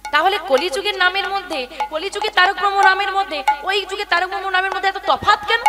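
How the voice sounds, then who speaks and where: A woman with a very high, piercing voice gives a devotional kirtan sermon to a seated gathering. She keeps asking her listeners questions and slips into sing-song chanting of verses. Devotional music plays clearly underneath her speech. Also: fairly even intonation, fast talker. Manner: rhetorical questions to listeners, calls them baba. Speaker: kirtan singer and preacher. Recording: music playing behind speech.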